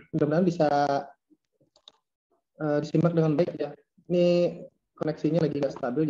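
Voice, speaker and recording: Hoarse guy teaching an online class, keeps clearing his throat, muffled audio. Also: mid-range voice, dark tone. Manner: hesitant, many fillers and throat clearing. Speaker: lecturer. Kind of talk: online lab lecture. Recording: dull lo-fi online call audio.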